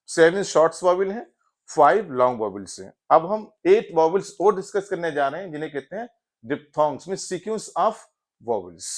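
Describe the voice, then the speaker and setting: A male teacher with an Indian accent explaining English vowel sounds in a mix of Hindi and English, repeating "yes" and "so" between example words. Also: fairly high pitch. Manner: drawn-out, repetitive explanation with frequent "yes" and "so". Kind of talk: phonetics lesson mixing Hindi and English.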